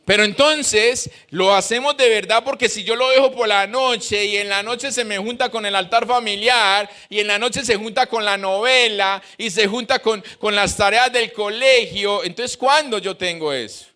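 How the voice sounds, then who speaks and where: A male pastor with a Colombian Spanish accent delivering a lively sermon and acting out the voices of the people he quotes. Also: high-pitched, normal speed, few pauses.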